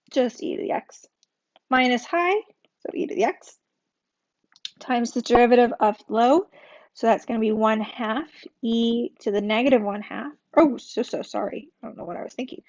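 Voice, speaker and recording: A woman with a fairly high voice talks through a calculus lesson in a relaxed, chatty way. She catches and fixes her own slips and recites a little memory rhyme. The audio is dull and lo-fi. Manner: chatty, self-correcting, sings a memory rhyme. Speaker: math teacher. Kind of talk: recorded calculus tutorial.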